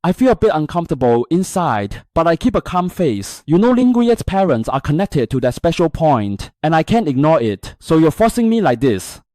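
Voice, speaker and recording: A calm, blunt young hero speaks in a cool, curt way, read by a male narrator in his own voice. The lines rise and fall in pitch, recorded dry and close. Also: moderate pace, few pauses, no echo.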